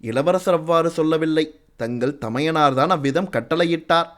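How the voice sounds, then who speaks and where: A man's voice: on the high side, normal speed, natural voice. A man voicing a polite, humble young warrior delivering a message, answering modestly and respectfully in an audiobook story.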